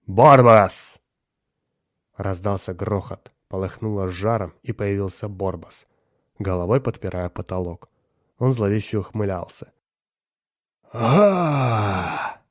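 Low-voiced male audiobook narrator. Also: fairly even intonation, moderate pace, mellow, no room sound, clean studio sound.

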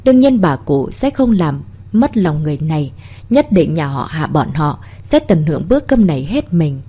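A woman narrating a story in an expressive storytelling manner. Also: low voice, moderate pace, slightly rough. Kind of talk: story reading.

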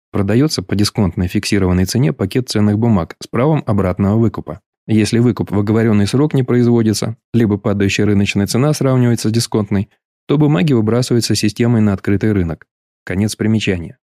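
Male narrator, low dark tone, dry close recording, measured delivery. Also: no echo. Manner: even, measured reading. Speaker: audiobook narrator. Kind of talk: scripted narration.

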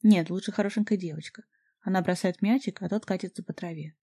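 A woman reading a first-person novel aloud as an audiobook, in an even storytelling manner. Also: fairly low pitch, fast talker. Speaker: audiobook narrator.

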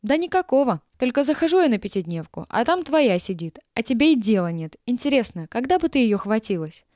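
A woman's voice: fairly high pitch, big pitch swings, fairly quick, a little mellow, no room sound, clean studio sound, voice pushed up. A woman reader voicing a tough woman cook who is blunt, mocking and cutting. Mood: accusing.

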